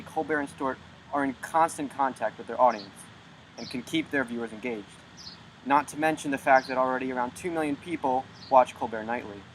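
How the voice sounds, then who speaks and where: Young man interviewed, medium-pitched voice. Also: fairly bright tone, slight background noise, low-quality recording. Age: young adult. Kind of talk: interview commentary.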